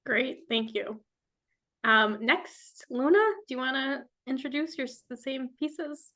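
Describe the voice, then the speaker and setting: A woman's voice: high voice, steady tone, unhurried, sharp tone. A woman moderating an online alumni panel, friendly and organized, with frequent ums as she introduces each speaker. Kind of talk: moderating a video-call panel.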